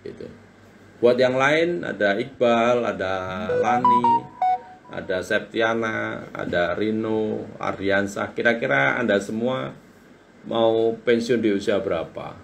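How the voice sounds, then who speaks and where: A fortysomething business coach runs a live-stream book talk, speaking to his audience and reading out their comments to motivate them. He talks slowly in a fairly low, creaky voice, with soft music playing behind him.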